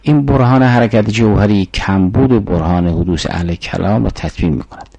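A man's voice: low-pitched, mellow, dry recording, poor audio. An older man giving a formal philosophy lecture, explaining arguments step by step and reciting Arabic syllogisms.

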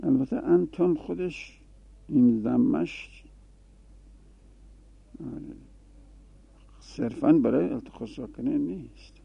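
A man's voice: fairly high pitch, vocal fry, long pauses, breathy edge, no echo. A man giving a classroom grammar lesson, explaining rules and repeating example forms aloud. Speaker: Arabic grammar teacher. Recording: tinny phone-like dry recording.

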